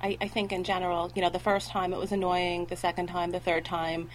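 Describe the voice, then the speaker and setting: A woman guest on a fan podcast, talking in an easygoing, measured casual chat. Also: on the low side, completely flat delivery, rough recording. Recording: faint background noise.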